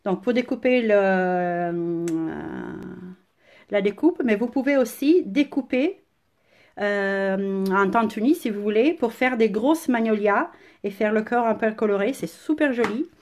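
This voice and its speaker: A woman with an Italian accent chatting enthusiastically through a casual live-stream unboxing, often pausing on "euh", recorded on a phone camera indoors at home. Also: medium pitch, expressive, a little mellow. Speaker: crafting product demonstrator.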